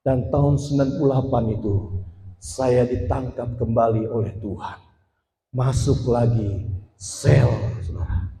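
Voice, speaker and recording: A man in his forties preaches his personal testimony to a church congregation in a mid-range, dark-toned voice, with slight background noise. Speaking directly to them, he rises to emphatic moments, and the hall's long reverb echoes around him.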